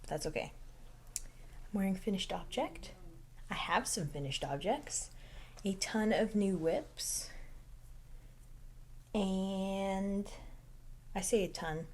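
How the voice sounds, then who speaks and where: A young woman hosting a casual knitting podcast from home, speaking softly and often dropping to a near-whisper. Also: medium pitch, slow, long pauses. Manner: soft-spoken, drifting into near-whispers.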